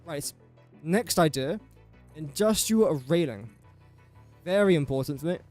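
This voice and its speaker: A young adult man from England, streaming a building game, talks unhurriedly but animatedly, his slightly high voice a little mellow. He chats casually and self-deprecatingly to the pieces he places while soft music plays.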